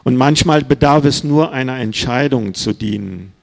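A man's voice: medium pitch, moderate pace, gravelly. A man preaching a sermon in an earnest, plain-spoken way, reading scripture aloud. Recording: reverberant hall.

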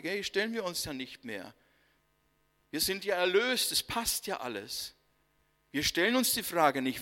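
A man gives a sermon at a deliberate, unhurried pace, his voice bright and pressing. He leans into key words and lets phrase endings sink almost to a whisper. The sound rings with a long reverb, as in a church hall. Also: on the high side. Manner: slow, emphatic preaching with dramatic pauses and soft, dropped line endings. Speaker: preacher.

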